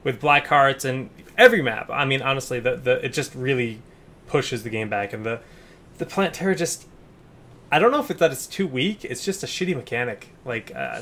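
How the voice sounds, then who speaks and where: A man hosting a casual gaming podcast, talking in an animated way and stumbling over repeated words. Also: medium pitch, a little hiss or hum.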